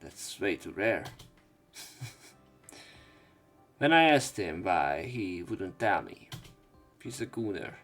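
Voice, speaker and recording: Speaking extremely slowly with frequent pauses, a man with a low, slightly bright voice reads a visual novel aloud in a sing-song way. As a let's play narrator, he adds casual, crude jokes alongside the game text, with faint game music behind him.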